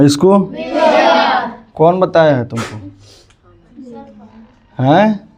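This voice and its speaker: A man's voice: fairly high pitch, lively intonation, extremely slow, a loud crowd, heavy background noise. A male teacher giving a classroom grammar lesson, drilling students with repeated questions and answers. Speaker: English teacher.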